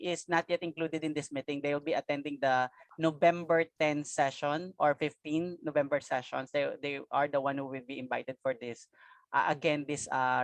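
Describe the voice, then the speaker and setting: Male conference organizer, halting delivery, dry close sound. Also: on the high side, a bit bright, no echo. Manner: halting, repeats words while explaining. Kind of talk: online meeting announcements.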